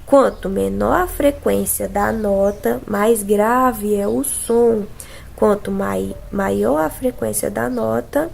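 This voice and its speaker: A woman's voice: on the high side, vocal fry, a little mellow, slight background noise. A Brazilian woman teaching a casual music theory lesson, explaining patiently and singing notes and imitating sounds to show them. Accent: Brazilian Portuguese.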